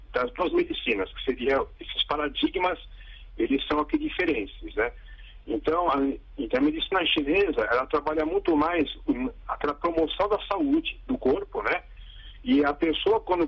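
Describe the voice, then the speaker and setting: A man speaks over a crackly phone line that keeps breaking up, the sound muffled and lo-fi. His voice is husky and gravelly, fairly high for a man, and swings lively up and down in pitch. He explains his field haltingly, full of fillers and restarts. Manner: hesitant, many fillers and restarts. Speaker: interview guest, pharmacist and acupuncture specialist.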